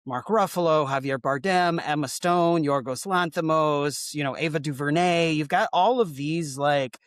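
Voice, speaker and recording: A man's voice: on the high side, normal speed, dry recording, studio quality. A man in a casual podcast discussion, thoughtful and hedging, with fillers and sighs. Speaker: podcast panelist.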